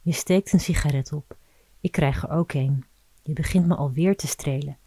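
A woman reading a story aloud as a podcast narrator, calm, even and intimate. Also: low voice, moderate pace, breathy edge, dry recording.

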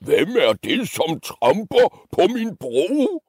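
A man's voice: fairly high pitch, huge pitch swings, a little mellow, husky, dry recording, clean studio sound, pitched above the performer's own voice, full character voice. A man voicing a huge grumpy male troll who bellows threats. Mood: menacing.

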